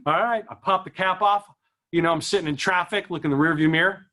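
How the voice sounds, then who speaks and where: A man doing a stand-up comedy set, telling a self-deprecating story and acting out his own inner voice with animated energy. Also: high voice, fast. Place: small event room with a live audience.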